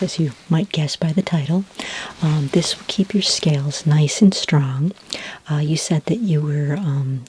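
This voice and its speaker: A woman voices a kindly alien skin care consultant for an ASMR roleplay, her low, breathy near-whisper calm, gentle and reassuring. The audio is poor, with a little hiss or hum.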